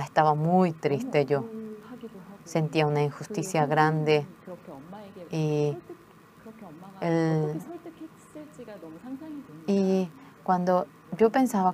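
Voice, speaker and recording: A woman recounts a personal testimony at an unhurried pace. She speaks earnestly and haltingly, often restarting her words, and her voice sits low for a woman. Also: mellow.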